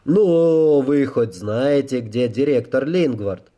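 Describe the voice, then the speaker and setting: A man's voice: mid-range voice, lively intonation, takes it slowly, mellow, voice pushed up. A man voicing a hard, commanding male leader who speaks curtly and with cold menace, in an audiobook. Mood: mock-indignant. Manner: curt and brusque.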